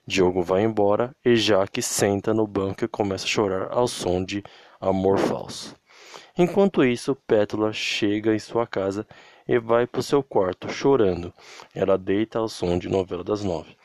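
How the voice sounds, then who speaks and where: A man with a Brazilian accent reading a homemade story aloud in a plain manner, with brisk dialogue tags. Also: lowish voice, a little mellow, no echo. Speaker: narrator.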